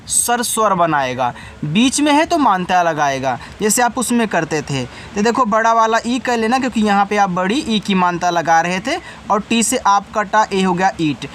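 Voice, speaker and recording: A man's voice: sits high, animated, moderate pace, a bit bright, slight background noise. A man teaching an online spelling lesson, patiently sounding out each word letter by letter and then explaining its meaning, speaking straight to his students and correcting his own slips. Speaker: English teacher.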